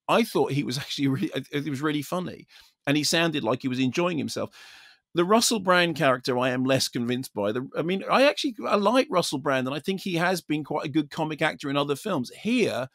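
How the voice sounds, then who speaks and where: A man's voice: medium pitch, fairly bright tone, dry recording, clean studio sound. A British man giving a spoken film review as a critic, discursive and opinionated.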